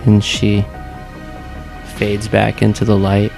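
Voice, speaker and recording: A man's voice: on the low side, monotone, slow, gravelly, over music. A man improvising narration as game master of a tabletop game.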